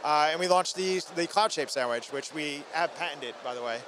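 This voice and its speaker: A company founder in his thirties is interviewed at a busy trade show booth indoors, talking informally and energetically into a handheld mic. He keeps a normal speed, and his fairly high voice has a slightly bright quality; convention hall noise is faint in the background.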